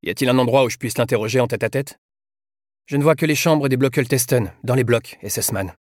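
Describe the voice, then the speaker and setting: A man voicing a stern young soldier in a storybook reading, with a low, firm voice that turns soft and hushed. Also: fairly quick, no room sound, clean studio sound, close to an everyday voice. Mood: harsh, commanding. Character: stern young male soldier, harsh in public, tender in private.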